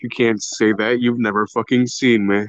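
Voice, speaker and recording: A man's voice: mid-range voice, level tone, normal speed, dry recording. A man in casual chat with a friend, teasing and crude, swearing a lot, on a dull lo-fi mic.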